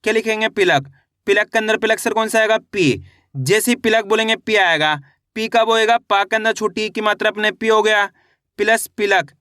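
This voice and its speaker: Man, Hindi reading teacher, high bright voice, dry close sound, slow syllable drilling, repeats words with emphasis. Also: no room sound. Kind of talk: online lesson, spelling out syllables.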